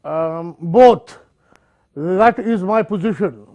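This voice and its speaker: A man acts out a stubborn, evasive company spokesman in a satirical news sketch. He is high-pitched and very slow, hemming pompously through a slightly muffled recording. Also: warm tone. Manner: halting, hemming, pompously formal.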